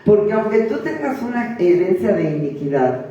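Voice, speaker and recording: A woman pastor preaches in a chatty style and keeps tossing rhetorical questions at the congregation. Her voice is mellow and warm. It comes through a dull, distant mic in a very echoey room. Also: medium pitch, very animated, moderate pace. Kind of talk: sermon teaching.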